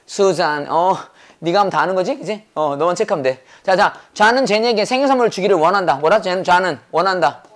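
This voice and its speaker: A man teaching English grammar in a brisk lecture, drilling points over and over and firing rhetorical questions at his students. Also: sits high, a bit bright. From South Korea. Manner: quizzing with rapid rhetorical questions. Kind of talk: classroom lecture.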